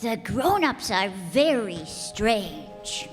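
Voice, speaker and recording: Woman acting high, lilting Little Prince, innocent boy. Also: very animated, drawn-out words, soft background music, heavily acted. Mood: disappointed. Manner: earnest, wide-eyed, plain-spoken. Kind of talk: radio play acting. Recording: echoey hall, long reverb.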